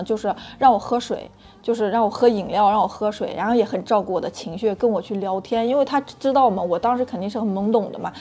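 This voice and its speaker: A woman hosting her own channel, telling a frank personal story in an animated, chatty way with many restarts. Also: medium pitch. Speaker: channel host sharing personal experience.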